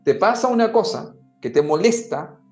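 This man's voice sits high and has a sing-song quality at a normal speed. He's a podcast guest giving advice, explaining things conversationally and addressing the listener directly, often saying "mira" and "amigo." The recording has a roomy echo with faint music behind it.

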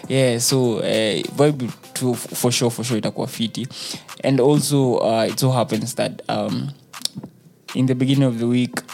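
A man's voice: mid-range voice, normal speed, gravelly, a little mellow. Kenyan guy hosting radio, slangy n playful, mid voice, repeats himself, bit of music behind. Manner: playful, repeats phrases for emphasis. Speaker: radio show host. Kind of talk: casual radio chat with slang. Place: radio studio. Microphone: studio microphone.

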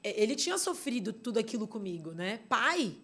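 A woman's voice: a little high, sing-song, fairly quick, a bit bright. A woman with a Brazilian accent, a podcast guest telling a personal story earnestly, with many fillers and restarts.

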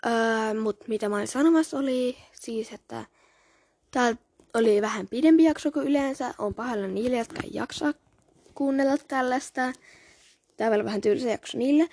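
A woman's voice: on the high side, a little mellow, no echo. A woman hosting a casual podcast, reading a book aloud and chatting, often stumbling and correcting herself. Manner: reads aloud with frequent stumbles and self-corrections. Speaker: podcast host.

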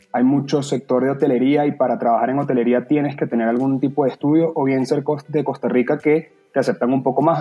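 A man's voice: mid-range voice, muffled recording. A young Venezuelan man with a Venezuelan accent, talking earnestly and at length as a podcast guest. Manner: talkative, earnest, slips into playful voices. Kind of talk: casual podcast chat.

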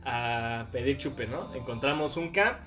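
A man with a Mexican Spanish accent telling a long anecdote in slangy, animated casual podcast chat. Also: mid-range voice, unhurried. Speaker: podcast guest storyteller.

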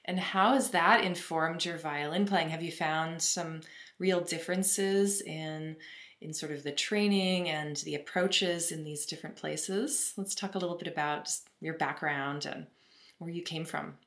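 A woman's voice: low-pitched, fairly even intonation, measured pace, fairly bright tone. A woman hosting an interview podcast, asking engaged, friendly questions. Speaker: podcast host. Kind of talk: interview talk. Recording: roomy echo.

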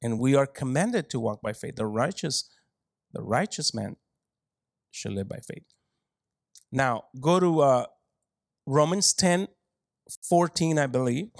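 A man preaching a sermon in an animated way, joking and laughing often, with big swings from quiet asides to loud high emphasis. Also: a little slow, dry recording, poor audio.

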